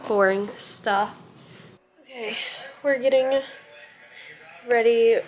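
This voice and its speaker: A young woman chatting casually and candidly in a book vlog, sometimes hushing her voice. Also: fairly high pitch, steady tone, slow pace, slight background noise. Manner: chatty, candid, often drops to a hushed voice at night. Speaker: book vlogger.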